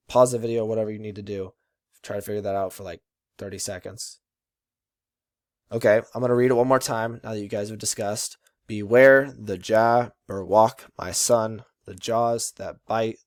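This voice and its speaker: A man's voice: on the low side, dry recording, studio quality. A young man explaining a lesson in a chatty way, tapping out stressed syllables aloud to show rhythm. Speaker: student presenting a lesson.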